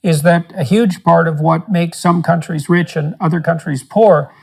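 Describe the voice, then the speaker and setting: A man hosting an interview podcast, introducing his guest and asking measured, thoughtful questions. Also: a little high, creaky, a little mellow, slightly rough. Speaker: podcast host.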